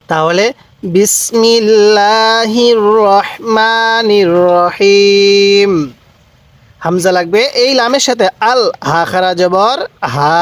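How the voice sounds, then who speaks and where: A man from Bangladesh, teaching Quran recitation step by step, drawing out each syllable slowly and then explaining briskly. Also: high voice, no echo. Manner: slow drawn-out recitation between brisk explanations.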